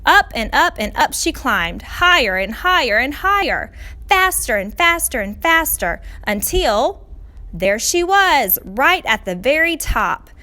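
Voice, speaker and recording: Lady reading a kids story out loud, expressive and dramatic, voice goes up and down a lot, on the high side. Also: a little slow. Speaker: teacher reading aloud. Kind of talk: expressive children's storybook narration.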